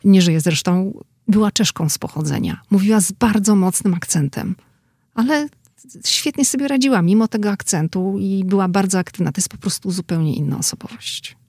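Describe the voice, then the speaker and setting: A woman reporter talking casually and with animation about an event she attended, quick to push back in discussion. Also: medium pitch, darkish tone, no echo, studio quality. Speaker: correspondent.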